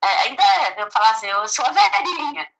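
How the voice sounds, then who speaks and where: A woman's voice: high-pitched, big pitch swings, a little fast, gravelly, fairly bright tone, poor audio. A middle-aged Brazilian woman, a gospel singer, telling a story in a casual interview, laughing often and acting out the voices she quotes. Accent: Brazilian Portuguese. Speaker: gospel singer and songwriter, guest.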